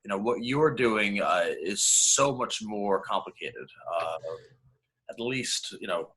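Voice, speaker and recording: A man hosting a casual interview, eager and halting, with lots of fillers as he asks questions. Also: lowish voice, expressive, a bit bright. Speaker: interviewer, host.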